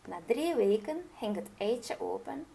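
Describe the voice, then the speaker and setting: A woman reading a fairy tale aloud in an expressive storytelling manner. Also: on the high side, measured pace, slight background noise.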